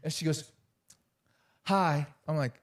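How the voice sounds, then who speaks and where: A man's voice: medium pitch, brisk. A man co-hosting a casual podcast, telling a story and acting out the people in it. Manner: animated, acts out quotes. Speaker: podcast co-host.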